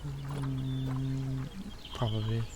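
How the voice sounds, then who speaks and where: A man's voice: mid-range voice, steady tone, extremely slow, loud music behind the voice. A sleepy, yawning man rambling to himself with lots of fillers as he builds in a game. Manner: rambling, self-talking, frequent fillers. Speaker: gaming video creator. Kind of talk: casual commentary while building in a game.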